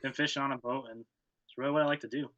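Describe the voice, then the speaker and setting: Bright-voiced young man, laid-back guest. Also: mid-range voice, fairly even intonation, fast, lo-fi sound. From Connecticut. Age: young adult. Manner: plain, laid-back, short answers. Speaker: guest angler. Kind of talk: casual interview answers.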